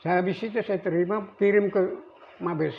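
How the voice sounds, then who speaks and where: High-voiced man in his eighties. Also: fairly even intonation, gravelly. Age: 80s. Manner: rambling, halting recollection with restarts. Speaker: navy veteran. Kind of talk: recorded interview. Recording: dull lo-fi recording with faint noise.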